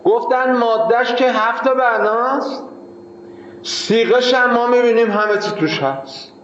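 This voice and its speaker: A man's voice: very high voice, fairly bright tone, roomy sound, lo-fi sound, a little hiss or hum. A man teaching students in an informal lecture, arguing his point and firing rhetorical questions at the listeners. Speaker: seminary teacher.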